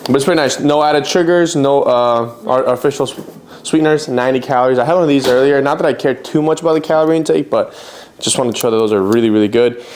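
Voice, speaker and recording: A man's voice: mid-range voice, quick pace, a little mellow. A man talking casually to camera as a fitness vlogger at home, rambling with fillers and self-corrections. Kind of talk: casual vlog chat.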